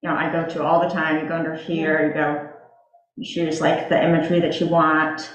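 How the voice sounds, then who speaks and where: A woman's voice: low voice, little pitch movement, fairly quick. A woman in a town meeting, explaining step by step with many fillers. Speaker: commission member. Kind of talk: casual meeting discussion. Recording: echoey meeting room.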